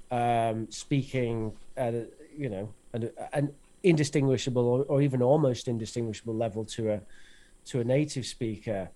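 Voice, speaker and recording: This co-host's voice is mellow and medium in pitch. In casual podcast chat, he poses long, wandering interview questions, stumbling into many restarts and fillers.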